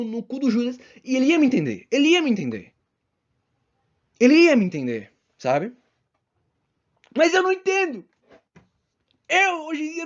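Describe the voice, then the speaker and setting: A woman's voice: fairly high pitch, darkish tone. A young woman hosting a podcast, ranting in an exasperated comic monologue full of swearing and rhetorical questions. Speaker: podcast host. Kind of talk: solo comic rant. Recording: dull lo-fi recording.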